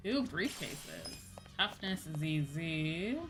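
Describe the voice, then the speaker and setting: A VTuber game streamer gives casual, playful, sweary commentary on a close microphone, often reading item names aloud over game music. Her low voice swoops wildly in pitch and moves extremely slowly, and the audio quality is poor.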